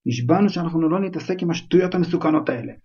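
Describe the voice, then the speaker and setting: A man reading a story aloud, voicing a bad-tempered middle-aged uncle who barks orders gruffly. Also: fairly high pitch, dark tone, voice pushed up. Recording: dull lo-fi recording.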